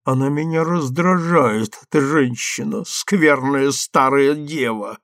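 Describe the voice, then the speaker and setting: A man voicing a high-strung young mother whose shrill pleas tip into hysterics. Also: takes it slowly, a bit bright, dry recording, studio quality. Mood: resentful.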